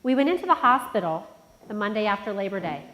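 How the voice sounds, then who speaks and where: With a medium-pitched, nasal voice, a middle-aged keynote speaker talks quickly and very animatedly in a motivational speech, sounding a bit bright. She shares a personal story and addresses listeners head-on, her words echoing with the long reverb of a large conference hall.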